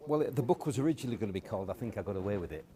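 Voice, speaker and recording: A man, a guest telling stories from his upbringing in a relaxed, hesitant way with many fillers. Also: fairly low pitch, rapid-fire, slight background noise. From Cottingham, near Hull, England. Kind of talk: casual storytelling interview.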